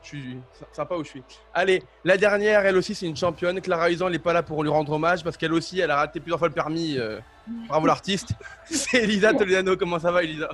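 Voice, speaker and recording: A man's voice: fairly high pitch, quick pace, fairly bright tone, faint music behind. A young man hosting a radio show, joking and teasing his guests as he introduces them. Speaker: host.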